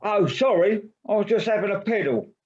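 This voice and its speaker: A woman's voice: medium pitch, expressive, normal speed, a little mellow, lo-fi sound, natural voice. A woman playing a casual, unembarrassed male water rat in an audio play, over a video-call recording. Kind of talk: community audio play of children's classic.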